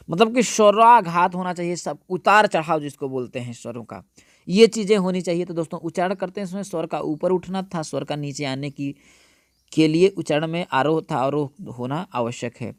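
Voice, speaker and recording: A man's voice: fairly high pitch, no room sound, clean studio sound. A male teacher giving an exam-prep lesson, repeating each point and calling his listeners friends.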